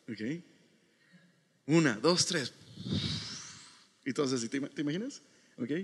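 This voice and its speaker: A man's voice: on the high side, fairly bright tone. Male preacher, casual and conversational, reads scripture aloud, long hall reverb. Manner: conversational, keeps checking in with ok. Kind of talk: sermon.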